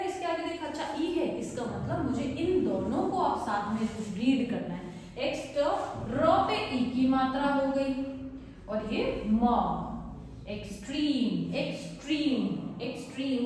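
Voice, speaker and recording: A woman, teaching phonics patiently and spelling out sounds slowly, like a teacher at a board. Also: high-pitched. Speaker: English teacher. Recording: echoey room from far off, faint noise.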